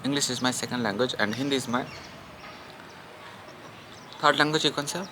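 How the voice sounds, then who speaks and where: This Bengali man from India keeps up a casual food vlog outdoors in public, meandering and circling back while chatting to viewers. His mid-range voice moves at normal speed against background noise.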